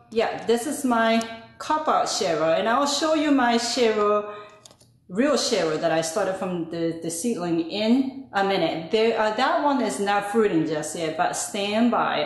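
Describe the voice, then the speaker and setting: A woman vlogging about her garden plants in a relaxed, hesitant way with many ums, her voice ringing with a strong hall-like echo. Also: medium pitch. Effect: strong echo, as in a big hall. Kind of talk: casual show-and-tell. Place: indoor spot chosen for space to film tall plants. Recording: echoey room recording.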